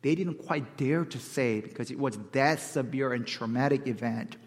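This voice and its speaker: A man's voice: mid-range voice, normal speed. A man from South Korea preaching as a guest speaker, in a conversational way that keeps asking his listeners questions. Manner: conversational, asks the audience questions. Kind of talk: sermon. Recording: long hall reverb.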